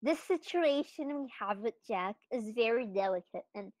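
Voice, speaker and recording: A woman's voice: fairly high pitch, expressive, normal speed, darkish tone, no room sound, low-quality recording. A young woman playing a tabletop game, pleading and questioning persistently. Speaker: player. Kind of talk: casual tabletop game play.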